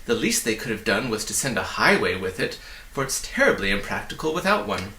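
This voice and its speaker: A man's voice: on the low side, big pitch swings, brisk, sharp tone, reverberant, slight background noise, voice pushed down. A man reading the part of a wistful, puzzled young boy in a storybook, musing politely to himself.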